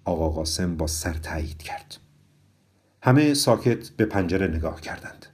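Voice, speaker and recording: A man reading a story aloud in an even, measured narrating voice. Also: deep voice, slightly rough.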